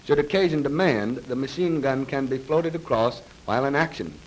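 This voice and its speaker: On a low-quality vintage soundtrack with a faint hiss or hum, a mid-pitched male voice reads scripted military instruction for a film, styled after 1930s training reels. His delivery is expressive but still formal, precise and measured.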